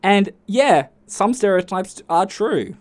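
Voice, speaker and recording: A man with an Australian accent hosting a podcast alone, telling stories in a casual, chatty way and swearing freely. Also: takes it slowly. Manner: chatty, swears freely, jumps to high excited pitch. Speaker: podcast host. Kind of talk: casual solo podcast storytelling.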